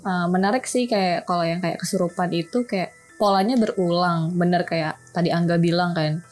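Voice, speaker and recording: A woman's voice: lowish voice, steady tone, moderate pace, a little mellow, soft background music. A woman co-hosting a casual chat, musing and thinking aloud with lots of fillers.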